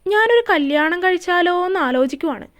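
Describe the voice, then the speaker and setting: Woman doing a teasing lovestruck young guy, high voice, storybook reading. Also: expressive, brisk, a bit bright. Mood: coaxing. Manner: coaxing and teasing. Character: pleading young man in love.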